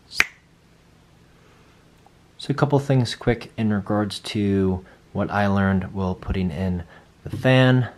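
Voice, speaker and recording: A young man vlogs his first hands-on PC build, thinking aloud in a chatty, self-deprecating way. His voice sits low with a darkish tone.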